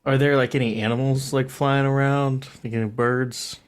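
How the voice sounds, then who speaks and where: A man's voice: medium pitch, fairly even intonation, normal speed, clean tone. A man taking part as a player in a tabletop game, talking casually with lots of fillers.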